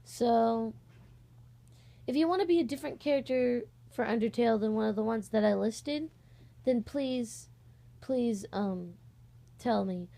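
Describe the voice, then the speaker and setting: Warm-toned with vocal fry, her fairly high voice moves a little slowly, broken by long pauses. The young woman hosts videos and does amateur voice acting, and here she chats casually on her bed at home in a scattered vlog, easily sidetracked.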